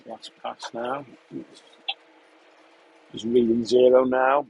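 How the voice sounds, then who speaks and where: A man's voice: medium pitch, takes it slowly, vocal fry, slight background noise, low-quality recording. A young man from England live-streaming from his sprayer cab, chatting casually and answering viewers' questions while he works. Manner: relaxed, chatty, answers questions between running commentary on the job. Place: inside a tractor sprayer cab, in a field.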